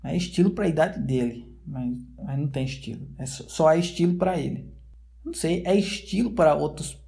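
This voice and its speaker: A man's voice: a little high, moderate pace, vocal fry, dark tone. A man talking straight to his viewers in a casual, rambling monologue, full of slang fillers and loose tangents, recorded indoors at home. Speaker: vlogger.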